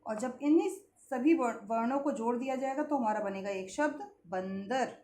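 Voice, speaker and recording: A woman's voice: a little high, dark tone, reverberant. A woman teaching a children's Hindi lesson, drawing out syllables and repeating key points with questions to the class. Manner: slow, drawn-out sounding of syllables and words.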